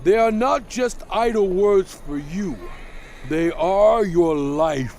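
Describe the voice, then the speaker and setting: An actor playing Moses as a solemn prophet in a dramatized scripture reading, declaiming in deliberate phrases. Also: male voice, high voice, animated, a little mellow, slight background noise, full character voice. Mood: solemn exhortation.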